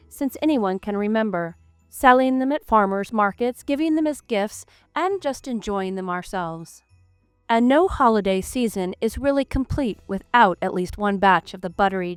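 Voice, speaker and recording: Smooth-voiced woman narrating with wry humor. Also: mid-range voice, no room sound. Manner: wry, playful asides. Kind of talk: scripted storytelling narration.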